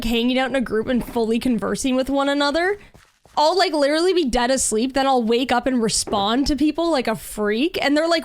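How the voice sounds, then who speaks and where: A woman talks casually to her stream viewers while playing, rambling from thought to thought with lots of "like". Her voice sits a little higher than most. She greets people with a lilting, friendly lift. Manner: chatty, rambling, lots of 'like' and 'literally'. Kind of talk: casual livestream chat while gaming. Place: home room.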